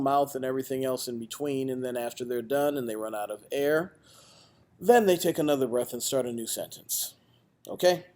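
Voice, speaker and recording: A man's voice: medium pitch, darkish tone. A man, a music teacher, giving a direct step-by-step trumpet lesson to students on video. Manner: patient, direct, counts aloud with students.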